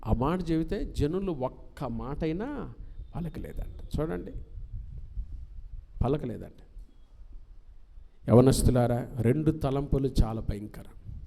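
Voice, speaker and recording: A man preaching a sermon to young people, switching between quiet asides and loud, urgent exhortation, with quick acted quotes. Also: mid-range voice, lively intonation, gravelly. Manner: acts out parents and youths in quick quotes. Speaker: pastor.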